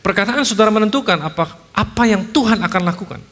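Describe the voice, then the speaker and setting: Bright, high-voiced male pastor preaching. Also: fast, in a large hall. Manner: animated storytelling with acted-out quotes and humorous asides; mixes English phrases into his preaching. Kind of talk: sermon.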